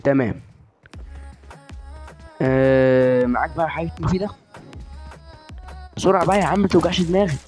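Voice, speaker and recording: A man's voice: on the high side, fairly even intonation, normal speed, pauses often, darkish tone, soft background music. A young man with an Egyptian Arabic accent commentating his own shooter game live, chatty and teasing his opponents.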